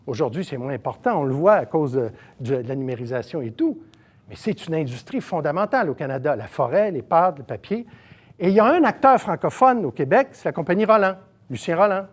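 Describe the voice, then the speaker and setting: A man's voice: a little high, darkish tone. A middle-aged man from Saguenay with a Québécois accent, giving a conversational seminar lecture with many asides and fillers. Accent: Québécois French. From Saguenay, Quebec. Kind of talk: storytelling lecture.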